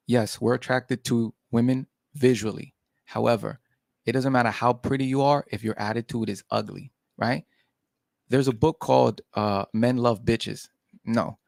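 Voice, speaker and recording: A man's voice: medium pitch, gravelly, darkish tone, no room sound, studio quality. A man on a podcast panel who lectures in a casual debate and keeps asking "right?".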